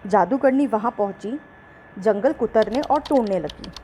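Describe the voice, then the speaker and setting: Female storyteller, slightly high pitch, expressive bedtime-story read, faint hiss under the voice. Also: moderate pace, rough recording.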